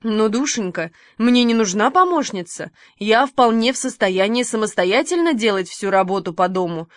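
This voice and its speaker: Woman narrator doing a fussy kindly village lady, motherly, brisk, dry close sound, storybook reading. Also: on the high side, expressive, no echo, close to an everyday voice.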